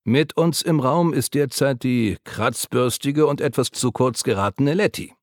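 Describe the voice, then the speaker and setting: A man voicing a gentle, chatty caretaker who speaks soothingly to a patient. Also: mid-range voice, measured pace, dry recording, studio quality, pitched above the performer's own voice, natural voice. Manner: soothing, patient, overly talkative.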